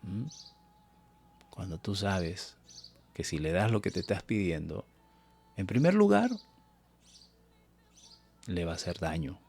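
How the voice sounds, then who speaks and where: A man's voice: low voice, very animated, a little slow, creaky, pauses often, a little mellow, a little hiss or hum. A man preaching a Bible study sermon on a live stream, earnest and exhortative, often addressing his listeners as brothers.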